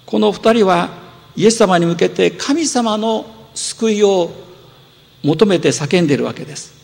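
Gravelly pastor preaching in a reverberant church. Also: male voice, high-pitched, expressive, measured pace. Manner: earnest, gently explanatory, with rising emphasis. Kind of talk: sermon. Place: church sanctuary. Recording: long hall reverb.

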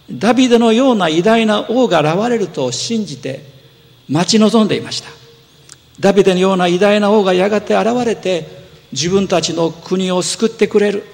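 Male pastor, slightly high gravelly voice, earnest patient sermon delivery, church with long echo. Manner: earnest, gently explanatory, with rising emphasis. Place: church sanctuary. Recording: long hall reverb.

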